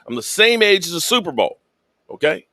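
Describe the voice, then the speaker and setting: A man's voice: high voice, very animated, brisk, bright, forceful tone, no echo. A man in his fifties, a guest on a casual stream, cursing and blustering and stammering through restarts. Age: 50s.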